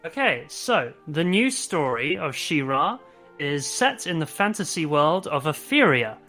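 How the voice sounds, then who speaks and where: A man's voice: a little high, big pitch swings, measured pace, pushed and bright, faint music behind. A young adult man in casual discussion as co-host of a review show.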